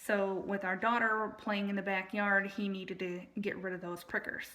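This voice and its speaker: A woman speaking in a casual personal monologue, explaining things in a deliberate, aggrieved way. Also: medium pitch, level tone, bright, forceful tone. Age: adult. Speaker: storyteller recounting personal family experiences.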